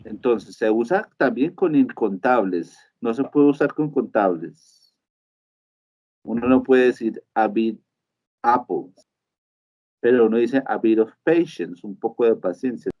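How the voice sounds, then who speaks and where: Teacher with muffled lo-fi sound. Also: male voice, medium pitch, expressive, unhurried, darkish tone. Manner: explains step by step, often checks in with "right?". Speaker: English teacher. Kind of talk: live online lesson.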